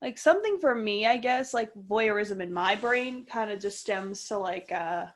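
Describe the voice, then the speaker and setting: A woman's voice: mid-range voice, animated, moderate pace. A woman about thirty co-hosting a podcast, chatting frankly and jokingly with many fillers. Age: 30s. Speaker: podcast co-host. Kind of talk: casual chat.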